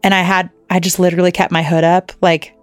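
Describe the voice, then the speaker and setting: Lady podcast host rambling thru a story, low voice, dry close sound, swears a lot. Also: level tone, quick pace, clean tone, no room sound, faint music behind. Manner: chatty storyteller, swears freely, lots of "like". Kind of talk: casual chat.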